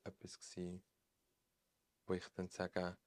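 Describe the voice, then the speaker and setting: A young man with a Swiss German accent, chatting openly as a podcast guest, expressive and sprinkling in English phrases. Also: deep voice, slow, no room sound, studio quality. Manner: expressive, mixes English phrases, laughs often. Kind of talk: casual chat.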